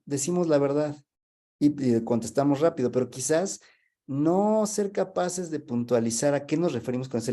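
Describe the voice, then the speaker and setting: A man speaks as a guest in a webinar on leadership. He explains at length and tells stories, and he pauses on the filler "este". His voice sits at an average pitch and has a warm, mellow tone. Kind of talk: webinar talk.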